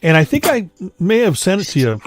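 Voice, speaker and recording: A man hosting a casual chat, talking quickly and eagerly about music he loves. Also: high-pitched, big pitch swings. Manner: quick, enthusiastic music-fan talk.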